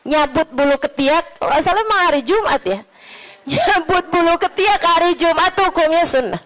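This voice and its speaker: A woman acting out an indignant elderly male sheikh who rebukes another man in rapid, heated retorts. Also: very high-pitched, animated, fairly bright tone, voice pushed up.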